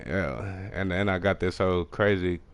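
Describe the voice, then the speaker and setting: Deep-voiced man with a country Texas accent. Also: clean tone. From Texas, USA. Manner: fast mumbling talk with restarts. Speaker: gaming streamer. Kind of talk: casual gameplay commentary.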